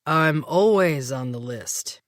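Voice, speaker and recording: A woman's voice: mid-range voice, big pitch swings, measured pace, a bit bright, no room sound, clean studio sound, pitched above the performer's own voice. Woman doing a cool, smug predatory man.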